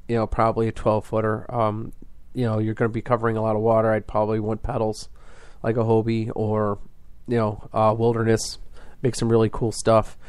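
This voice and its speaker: A man's voice: mid-range voice, a little mellow, clear, resonant tone, no room sound. A man hosting a fishing podcast, explaining things in a casual, rambling way full of fillers and restarts.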